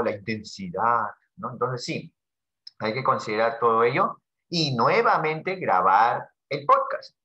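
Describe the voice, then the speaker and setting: A man's voice: medium pitch, bright, forceful tone. A man with a Peruvian accent teaching a casual lesson, joking with a student and tagging his sentences with little questions. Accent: Peruvian Spanish. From Peru. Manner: chatty, jokey, peppers lines with tag questions. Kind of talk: casual classroom lesson dialogue. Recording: dull lo-fi audio.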